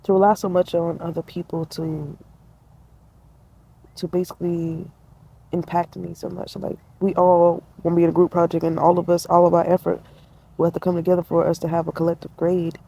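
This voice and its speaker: A woman's voice: on the low side, flat delivery, brisk, creaky, dark tone, slightly rough, poor audio. A woman in her twenties sitting outdoors in a tree, talking in a casual, reflective way, slangy and spiritual, with laughter. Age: 20s. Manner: laid-back, spiritual, slangy, laughs often. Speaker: vlogger.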